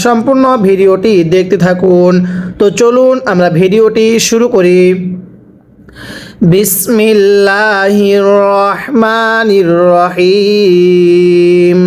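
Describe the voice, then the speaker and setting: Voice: medium pitch, a little mellow. A Quran reading teacher from Bangladesh leading an online lesson, with patient, repetitive call-and-response drills of syllables. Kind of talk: online recitation lesson with repeat-after-me drills.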